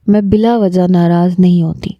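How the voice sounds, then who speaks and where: A woman reading the lines of a calm, level-headed young woman who speaks with composure. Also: fairly low pitch, dry recording, muffled recording, close to an everyday voice. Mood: composed.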